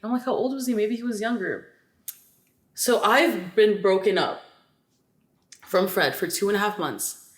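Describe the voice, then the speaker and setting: A woman co-hosts a casual podcast, telling her story in a chatty, animated way full of filler words. Her voice sits at an ordinary pitch. The room around her rings with a noticeable echo. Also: a little slow, long pauses. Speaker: podcast co-host. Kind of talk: casual chat. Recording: roomy echo.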